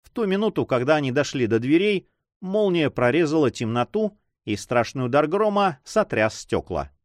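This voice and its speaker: A man narrating an adventure novel as an audiobook, expressive and animated. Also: a little high, moderate pace, no room sound, studio quality. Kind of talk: audiobook reading.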